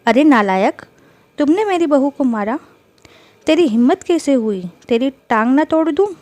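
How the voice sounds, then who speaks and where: A woman voicing a stern, fierce mother-in-law in a storybook tale, talking in sharp, scolding rebukes. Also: sits high, expressive, normal speed, no echo. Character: stern fierce older mother-in-law, protective of her daughter-in-law.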